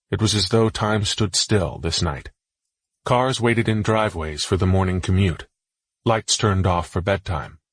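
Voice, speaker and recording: A man reads a fantasy audiobook in a steady, measured way. His voice is low and slightly husky. It is recorded close and dry, with no room sound. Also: no echo. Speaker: audiobook narrator. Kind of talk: scripted narration.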